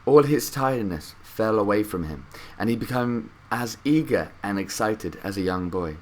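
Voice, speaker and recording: A man's voice: on the low side, lively intonation, normal speed, slight background noise. A man with a cold reading a children's story aloud expressively, like a teacher. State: has a cold.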